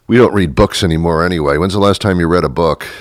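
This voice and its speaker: A man's voice: sits low, fast talker, no room sound, clean studio sound. A man in his thirties hosting a talk show, rambling through a sarcastic, self-mocking monologue that often trails off. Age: 30s.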